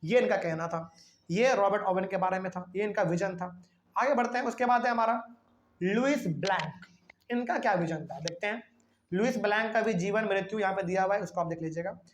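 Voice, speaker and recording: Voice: mid-range voice, slight background noise. Echoey teacher explaining a lesson with questions. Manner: reads English lines slowly, then explains in Hindi; asks the class questions and answers them himself. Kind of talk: explaining a class 9 history lesson. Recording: echoey room.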